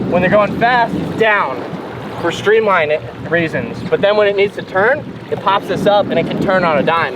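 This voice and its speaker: A man hosting a fishing show, talking casually to camera in an enthusiastic, exclamatory way out on a boat. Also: high voice. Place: outdoors on a boat at sea. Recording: very noisy outdoor boat, wind and motor.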